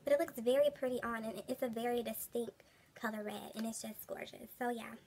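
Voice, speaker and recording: A woman's voice: fairly high pitch, steady tone, a little fast, mellow. A woman in her thirties with a congested, stuffy nose, chatting casually to camera as a beauty vlogger at home. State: a little under the weather with a stuffy nose. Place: small room at home, indoors. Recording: noticeable background noise, home recording.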